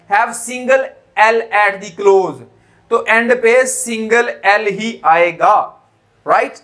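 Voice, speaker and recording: A man's voice: sits high, a bit bright. A man teaching spelling rules, switching between Hindi and English and checking with "right?" after each point. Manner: explanatory, repeats rules and asks "right?" to check understanding.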